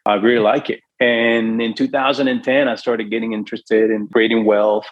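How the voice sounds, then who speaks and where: Here the same kind of earnest, emotional storytelling comes from a middle-aged New York man, a real estate investor on as a guest, who acts out the voices in his head. His fairly low voice holds a level tone at normal speed, recorded dull with no room sound.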